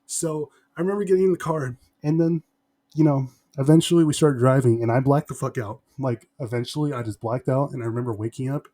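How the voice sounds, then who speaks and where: A man's voice: mid-range voice, brisk, dark tone. Young man rambling through a casual, sweary story. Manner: slangy, heavy swearing, emphatic word stretches. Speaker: vlogger telling a personal story.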